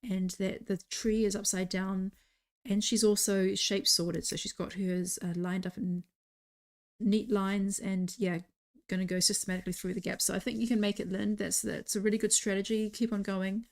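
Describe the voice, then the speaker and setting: A woman's voice: medium pitch, darkish tone. A woman hosting a live online stream, chatty and encouraging as she cheers competitors on. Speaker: host.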